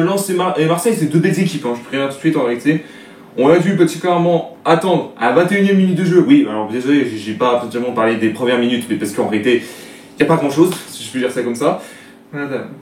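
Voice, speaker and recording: A young man hosting a casual football match debrief, rambling with lots of filler words and restarts. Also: a little high. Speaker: football video debrief host. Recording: echoey room, distant mic, faint noise.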